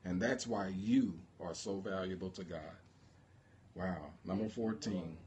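A man's voice: deep voice, unhurried, a little mellow. A man preaching a sermon as pastor, impassioned and drawing call-and-response from the congregation.

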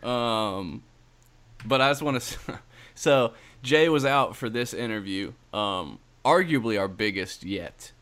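A man's voice: medium pitch, animated, takes it slowly, fairly bright tone. A man co-hosting a podcast in casual banter, rambling with frequent restarts and laughs. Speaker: podcast co-host.

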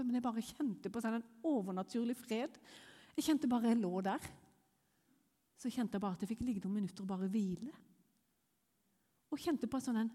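Norwegian woman preaching in a reverberant hall. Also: fairly high pitch. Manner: animated storytelling, quick rises when excited. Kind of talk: sermon with personal testimony.

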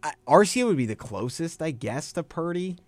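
A young man hosting a college radio sports talk show, relaxed and casual, often dropping "man" and "dude". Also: a little high, moderate pace, no room sound.

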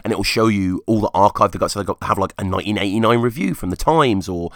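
A man hosting a music podcast solo, rambling casually and enthusiastically in a rusty, croaky, hungover voice. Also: fairly low pitch, fast, fairly bright tone, no echo, clean studio sound. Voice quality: rusty, hoarse voice. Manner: enthusiastic, informal.

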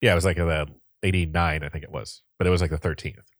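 A young man chats casually on a podcast, his very low voice wandering through stories with plenty of fillers and laughs. The sound is dry and close. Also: fairly even intonation, fast talker, no echo. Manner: rambling, laughs often, many fillers. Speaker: podcast host. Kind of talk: casual chat.

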